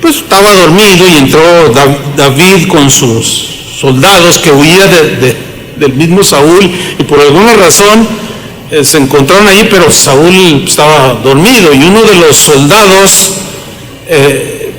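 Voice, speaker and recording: Mexican spanish pastor guy, high voice, acting out the bible scenes as he preaches. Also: measured pace, rough recording. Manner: animated storytelling, acting out dialogue. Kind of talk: sermon.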